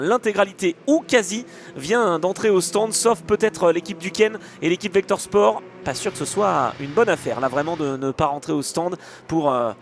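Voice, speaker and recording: A man giving live motorsport race commentary in a hesitant, excitable way. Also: on the high side. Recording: clear engine and trackside noise behind.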